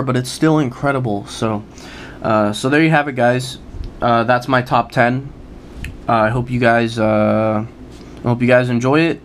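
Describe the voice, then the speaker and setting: A man's voice: medium pitch, a little hiss or hum. A man hosting a card game channel, talking through his favorite new cards in a casual, enthusiastic way, with lots of "uh"s. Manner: enthusiastic, many filler "uh"s, laughs at himself. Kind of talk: casual video commentary.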